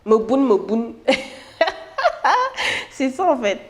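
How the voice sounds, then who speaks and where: A woman's voice: high voice, huge pitch swings, extremely slow, music in the background. A Cameroonian woman in her thirties, a musician introducing herself in an interview in a playful, chatty way, slipping between French and English. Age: 30s.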